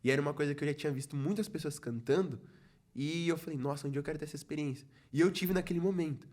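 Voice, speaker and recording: A man's voice: a little high, racing, darkish tone. A young Brazilian man who leads a church youth ministry, telling his personal testimony as a guest in a casual podcast chat and acting out the quoted dialogue as he goes. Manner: storytelling, acts out quoted dialogue, many "falei assim" asides.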